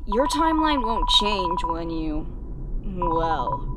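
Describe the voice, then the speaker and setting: A woman voicing a bitter, sly young skeleton villain in an animated fan dub, taunting with mock friendliness and flaring temper. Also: on the low side, slow pace, very noisy. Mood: falsely friendly, menacing. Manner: mock-friendly taunting, bursting into angry shouts. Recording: loud music behind the voice.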